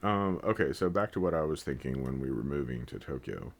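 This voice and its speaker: A man's voice: a bass voice, expressive, brisk, vocal fry. A man co-hosting a casual chat podcast, rambling with fillers and joking as he talks. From Japan. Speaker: podcast co-host.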